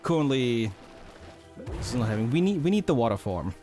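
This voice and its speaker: A man casually commenting on his game while streaming, thinking aloud in a relaxed way. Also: mid-range voice, moderate pace, soft background music. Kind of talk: casual let's-play commentary.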